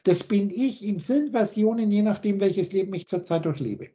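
Mellow-voiced woman lecturing on a call. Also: medium pitch, moderate pace, muffled recording. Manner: lecturing, lists words and meanings in long chains. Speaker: teacher explaining word roots. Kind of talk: spiritual lecture on a video call. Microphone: video call.

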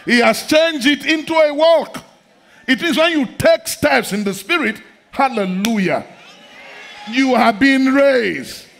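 A middle-aged man preaching a sermon in a large church hall, fervent and repetitive, often breaking into shouts. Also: extremely high pitch, expressive, slow, vocal fry.

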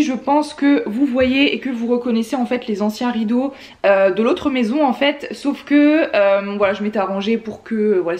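A woman's voice: fairly high pitch, darkish tone. A woman in her twenties with a slightly sleepy voice, chatting casually as a vlogger. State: sleepy, just woke up. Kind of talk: casual vlog chat. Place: living room at home. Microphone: camera at arm's length.

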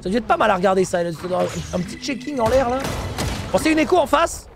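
A man commenting live on his team's esports match, excitable, repeating himself and breaking into shouts. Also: high voice, a little fast, vocal fry, noisy background.

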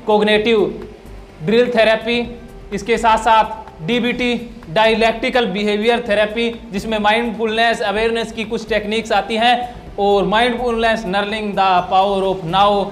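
A man's voice: high voice, fairly bright tone. A man working as a psychological counsellor, giving an emphatic explanatory talk and repeating his key points. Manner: repetitive, emphatic teaching delivery.

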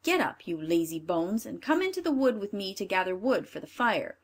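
A woman voicing a harsh, scornful stepmother in a storybook reading, sharp and commanding. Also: medium pitch, very animated, moderate pace, breathy edge. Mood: scolding. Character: harsh scolding stepmother, middle-aged woman.

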